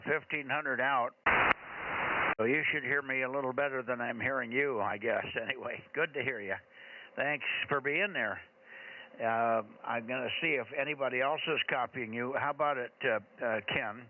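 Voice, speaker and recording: A man running an amateur radio net over two-way radio, chatty and rambling, with hesitant pauses between call signs. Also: mid-range voice, phone-quality sound. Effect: two-way radio transmission. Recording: thin crackly radio, loud static and clicks.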